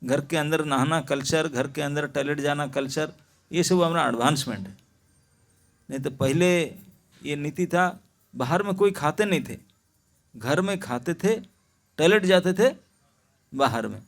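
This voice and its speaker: A male monk gives a sermon as a lively story, stopping to put questions to his audience. His voice sits somewhat high for a man. He tells it loosely, with the manner of a spoken lecture rather than a script. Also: a little slow, pauses often. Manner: animated, asks the audience questions. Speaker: monk preacher.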